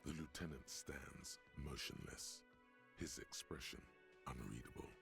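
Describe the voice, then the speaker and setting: An actor voicing a deep, sardonic game narrator who speaks as the detective's blunt inner voice. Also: male voice, unhurried, music in the background, full character voice. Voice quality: gravelly, dry and sardonic.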